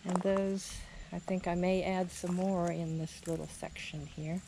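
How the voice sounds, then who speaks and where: A woman talks slowly in a slightly low voice, as if showing visitors around. Her manner is casual and plainspoken, like a home garden tour. It is recorded outdoors, with clear background noise of crickets and insects. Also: fairly even intonation. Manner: unhurried, plainspoken.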